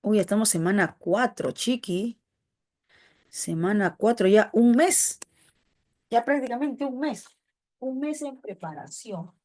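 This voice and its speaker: A woman's voice: slow pace, long pauses, a little mellow. A woman teaching an online prep class, greeting students by name and calling them "chiqui" in a casual, affectionate way. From Peru. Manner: acts out quoted relatives in higher voice.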